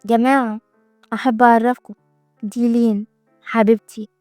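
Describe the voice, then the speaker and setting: A woman's voice: a little high, level tone, normal speed, darkish tone, no echo, clean studio sound, soft background music, close to an everyday voice. A woman with an Egyptian Arabic accent voicing a jealous, hot-tempered rich young man who mocks and taunts. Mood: mocking. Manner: mocking, cocky.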